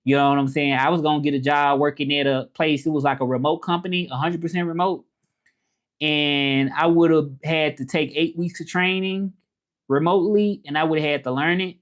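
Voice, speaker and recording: A man from Memphis, southern United States, hosts a relaxed livestream on language learning, reading comments aloud. His Southern-accented voice is fairly high with a steady tone and moderate pace, and he rambles and repeats himself.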